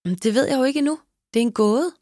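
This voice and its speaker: A woman's voice: high-pitched, dark tone, no echo, studio quality, pitched above the performer's own voice, natural voice. A woman voicing an earnest, curious young girl who sounds a little weary. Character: curious, friendly schoolgirl.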